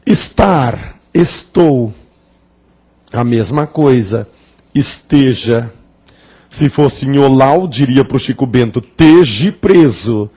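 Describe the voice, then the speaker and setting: A man's voice: mid-range voice, slow pace, long pauses, dark tone, slightly rough. A man teaching a grammar lesson at a classroom blackboard, playful, asking the class questions and drawing out words for emphasis. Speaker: Portuguese teacher.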